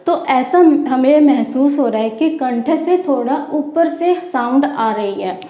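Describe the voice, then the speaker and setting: High-voiced woman teaching a grammar lesson. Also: measured pace, warm tone. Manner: asks the class questions and answers them herself, repeating key terms. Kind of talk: Hindi grammar lesson for schoolchildren. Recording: roomy, dull lo-fi classroom recording.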